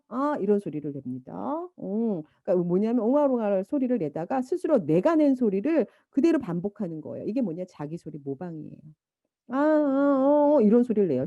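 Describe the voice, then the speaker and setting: A woman giving a lecture, lively and animated, now and then imitating baby babble and a mother's talk. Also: fairly high pitch, no echo, highs cut off. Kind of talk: university lecture.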